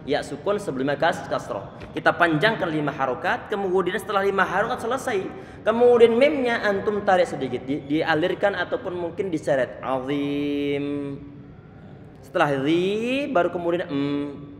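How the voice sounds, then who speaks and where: Middle-aged male recitation teacher, a bit high-pitched, patient and repetitive, recorded in a boomy, echoing room. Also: animated, brisk, slight background noise. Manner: repeats and models letter sounds, stops to check the listener; frequent restarts on words. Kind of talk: tajwid lesson explaining letter sounds. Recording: echoey room with long reverb.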